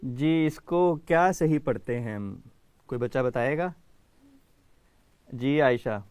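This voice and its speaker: A man's voice: medium pitch, a little mellow, clear, resonant tone, no echo. A man hosting a children's education program, patiently calling on kids by name to answer quiz questions.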